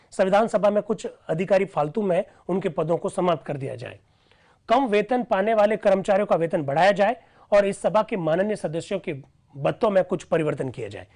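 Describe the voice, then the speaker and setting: Hindi-speaking male lecturer, fairly high voice. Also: darkish tone. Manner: explanatory, asks and answers his own questions. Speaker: teacher explaining Constituent Assembly debates. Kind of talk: lecture reading and explaining archival proceedings.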